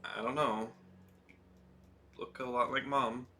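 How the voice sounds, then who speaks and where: Guy doing a teasing big brother, wry and bright sounding, faint hum behind. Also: medium pitch, fairly even intonation, takes it slowly. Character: teasing older brother, male, adult, doting.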